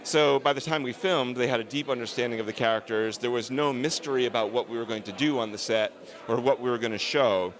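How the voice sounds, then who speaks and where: A man's voice: medium pitch, quick pace. A man, a film director, answering interview questions on a red carpet in an earnest, emphatic, discursive way.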